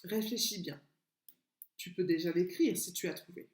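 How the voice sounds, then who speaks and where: A woman kindergarten teacher giving a remote literacy lesson to young children, slowly and patiently sounding out letters and syllables. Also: fairly low pitch, a little mellow, a little hiss or hum. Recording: echoey room.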